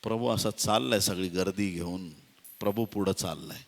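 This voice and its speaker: A man preaching a sermon, dramatizing scenes and swinging from hushed asides to shouting. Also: low voice, normal speed, creaky. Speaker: pastor. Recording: long hall reverb.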